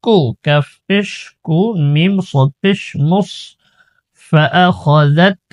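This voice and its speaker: Slow, clear Bangladeshi Quran teacher. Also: male voice, sits high, a little mellow, no room sound. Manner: chants verses slowly, then explains pronunciation rules rapidly. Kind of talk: slow recitation lesson with spelling drills.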